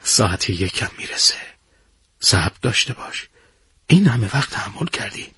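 A male reader putting on a resolute young commander in a war story, who talks low and even to his men. His voice is husky, and the recording is close and dry. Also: dry recording, exaggerated voice. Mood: calm.

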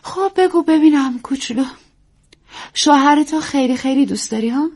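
A self-pitying aging diva of the stage, as a woman reader puts her on, stretching her words into theatrical sighs and repetitions. Her voice is husky and fairly high, and it swings widely up and down. She sounds like a storybook grande dame. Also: lively intonation. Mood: dramatic, self-pitying. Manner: theatrical, drawn-out sighing repetitions.

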